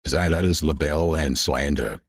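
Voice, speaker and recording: A man's voice pushed extremely low by a deep pitch-shifting voice changer, with a husky grain. He talks on a call like a pompous, threatening self-styled lawyer, circling back over the same points. The sound is close and dry. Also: normal speed, no room sound. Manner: pompous, threatening, repeats himself. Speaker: caller posing as a lawyer. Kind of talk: call on a voice chat.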